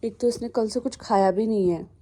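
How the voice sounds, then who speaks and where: A woman's voice: mid-range voice, fairly quick, mellow, breathy edge. A woman narrating her dogs' antics in a casual home vlog, chatty and exasperated, now and then calling out to them. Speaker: dog owner narrating her pets' antics.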